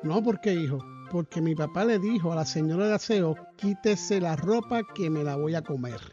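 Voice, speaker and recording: Male co-host, notably high pitch, loose chuckling delivery, dull recording with faint music. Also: normal speed. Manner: relaxed, chuckling, rambling plugs. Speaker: podcast co-host. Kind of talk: casual chat and show promotion. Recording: dull lo-fi podcast audio with music.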